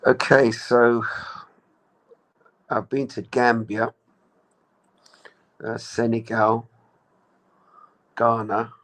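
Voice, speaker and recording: A man from Jamaica, giving measured, plain-spoken answers as an interview guest. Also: medium pitch, little pitch movement, fairly bright tone, poor audio.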